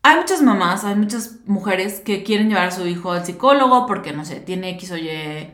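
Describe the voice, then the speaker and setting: A woman's voice: medium pitch, animated, moderate pace, a bit bright. A woman hosting a podcast, talking casually and directly to her listeners with lots of fillers. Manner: chatty, talks straight to listeners with many fillers. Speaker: podcast host. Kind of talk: casual monologue. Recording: roomy echo.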